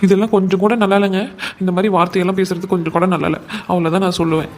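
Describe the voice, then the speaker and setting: A woman's voice: fairly low pitch, flat delivery, very fast, natural voice. A woman voicing a hurt young wife in a cartoon who complains about her mother-in-law and protests her innocence. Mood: aggrieved. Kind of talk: cartoon voice acting.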